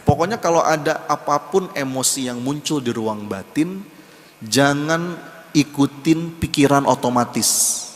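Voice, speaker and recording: A male preacher giving an animated sermon, stressing key words and addressing his listeners directly. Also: mid-range voice, big-room sound.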